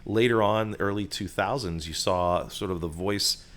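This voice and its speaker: A man with a very low, deep voice talks through the voiceover business in a loose, chatty way. He drifts into asides and fillers as he explains. It was recorded at a restaurant table. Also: moderate pace, a bit bright. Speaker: voiceover artist and sound designer, guest. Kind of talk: conversational explaining.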